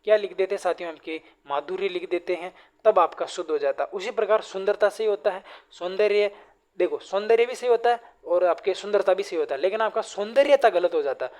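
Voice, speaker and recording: A man's voice: high-pitched, fairly quick, a little mellow. A man teaching grammar in an online exam-prep lesson. He keeps asking the class questions and drills correct and incorrect word forms. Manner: repeats questions to the class, constantly addressing students as friends.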